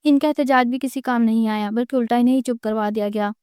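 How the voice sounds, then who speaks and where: Clear, smooth woman narrating a novel. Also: fairly high pitch, fairly even intonation, a little mellow, dry recording, studio quality. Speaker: audiobook narrator.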